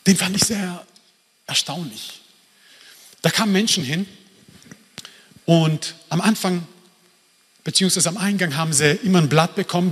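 A man preaching a sermon in a lively, emphatic way, turning to the congregation with asides. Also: fairly high pitch, breathy edge, in a large hall. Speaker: pastor.

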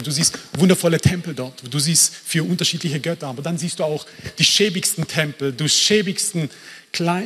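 A man preaching a sermon in a lively, emphatic way, turning to the congregation with asides. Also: a little high, breathy edge, big-room sound. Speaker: pastor.

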